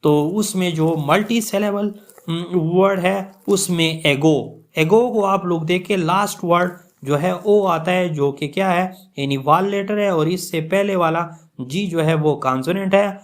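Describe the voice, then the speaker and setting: A man explaining English pronunciation rules in an online lecture, mixing with English and reading the English rules slowly, word by word. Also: high voice. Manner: explains in Urdu-Hindi, reads English rules slowly word by word, repeats "yani" often.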